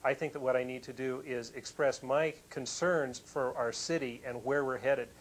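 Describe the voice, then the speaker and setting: A man's voice: medium pitch, steady tone, normal speed, slight background noise, rough recording. A man, a political challenger, answering a live remote news interview in an earnest, plain-spoken way. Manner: earnest, self-conscious laughs.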